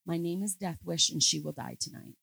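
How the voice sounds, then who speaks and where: A woman voicing a menacing male demon in a dark, growly voice while retelling an encounter in a sermon. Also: a little fast, creaky, husky, heavily acted. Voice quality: growly, low.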